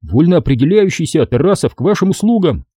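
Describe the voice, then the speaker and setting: A man's voice: on the high side, big pitch swings, fast, warm tone, slightly rough, no echo, clean studio sound, voice pushed up. A man doing an earnest teenage boy soldier. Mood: proud. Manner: eager, trying to sound manly. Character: earnest teenage boy volunteer, brave and shy.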